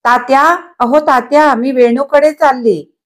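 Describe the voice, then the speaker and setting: A woman voicing a lively, stubborn young girl who pleads and turns tearful, in a read-aloud novel. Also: high-pitched, unhurried, voice pushed up. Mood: pleading.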